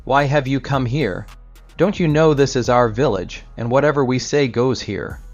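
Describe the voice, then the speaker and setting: A man's voice: mid-range voice, moderate pace, close to an everyday voice. A man voicing an arrogant, hostile rich village leader. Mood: haughty. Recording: slightly dull recording with soft music.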